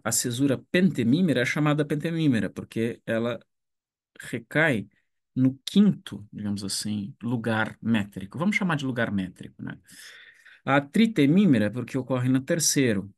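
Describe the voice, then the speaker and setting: A man teaching an online class, speaking slowly and thinking aloud, with frequent restarts and tag questions. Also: mid-range voice. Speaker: ancient Greek teacher. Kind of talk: online lecture.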